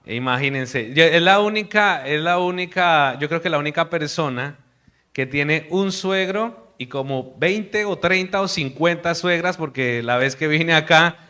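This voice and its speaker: A man's voice: on the high side, unhurried, clean tone. A young man from Colombia, a missionary preaching an earnest sermon to a congregation. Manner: earnest, warm preaching with hushed prayer.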